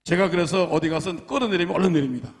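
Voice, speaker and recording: A man preaching a sermon in a church, telling stories in an animated way with dramatic swings in loudness. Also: high voice, quick pace. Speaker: pastor. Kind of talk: storytelling sermon.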